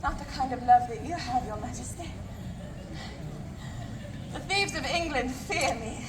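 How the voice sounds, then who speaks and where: A woman's voice: sits high, unhurried. A woman playing a proud, yearning outlaw queen in projected, mock-Elizabethan Renaissance faire speech on an outdoor stage. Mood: bitter, yearning. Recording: echoey outdoor arena, distant mic, noisy crowd.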